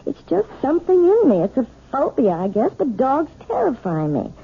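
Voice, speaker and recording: An actress playing a timid, weary, anxious wife in a 1970s radio drama, speaking hesitantly and apologetically. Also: female voice, high voice, wildly swooping pitch, normal speed, gravelly, slightly rough, exaggerated voice. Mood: anxious, pleading. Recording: muffled, tinny old radio broadcast.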